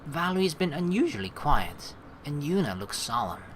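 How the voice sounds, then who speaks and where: Recorded on a close mic with a little hiss or hum, this man's voice is a little high and moves at a normal speed. As a let's play streamer, he reads game narration aloud and cracks jokes in a lively, casual way, swearing plenty.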